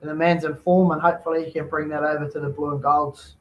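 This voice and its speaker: A man hosts a casual chat in an easygoing, matey manner. His voice sits quite high for a man. The recording sounds dull and lo-fi. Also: flat delivery, fast. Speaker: host.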